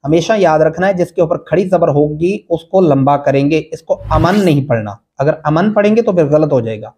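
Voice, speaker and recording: A man's voice: on the high side, expressive, warm tone. A man teaching Quran reading, spelling out letters and vowel marks patiently and chanting the words drawn out. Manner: slow, patient drilling, sings recited phrases drawn out.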